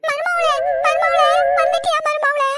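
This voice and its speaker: A woman's voice: extremely high pitch, very animated, measured pace, pitched above the performer's own voice, exaggerated voice. A woman with a Kanyakumari Tamil accent voicing a scheming old mother-in-law who fakes illness with long wails and groans. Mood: wailing. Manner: wailing, groaning and dragging out laments. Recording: loud background noise.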